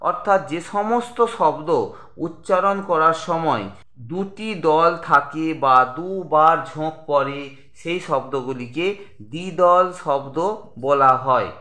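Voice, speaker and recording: A man teaching a grammar lesson, explaining slowly and deliberately with examples. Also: on the high side, bright, forceful tone, echoey room.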